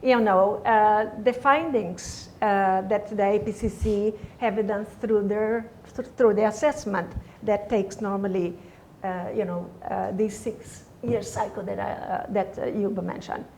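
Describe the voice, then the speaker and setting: A woman's voice: mid-range voice, steady tone, a little slow, darkish tone, a little hiss or hum. A woman speaking as a scientist on a panel, hesitant, with many "you know"s and "uh"s. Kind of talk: panel discussion remarks.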